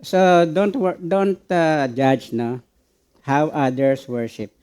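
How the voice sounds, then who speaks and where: A man's voice: a little high, expressive, slow pace, a little mellow, clean tone. A man with a Filipino accent preaching a sermon as pastor, mixing Tagalog and English and often asking the congregation questions.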